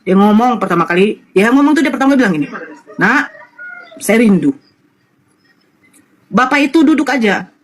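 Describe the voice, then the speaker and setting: Middle-aged woman from North Sumatra, high-pitched, emotional testimony, repeats herself, acts out dialogue. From North Sumatra, Indonesia. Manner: storytelling, acting out quoted dialogue, repetitive phrasing. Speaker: interview guest.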